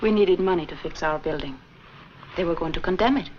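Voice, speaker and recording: A woman playing a prim brisk nun. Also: lowish voice, close to an everyday voice. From Sweden, raised in Minnesota. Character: proper, dutiful female nun running a school. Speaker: nun, school head. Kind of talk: 1940s film acting. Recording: dull, slightly hissy 1940s film soundtrack.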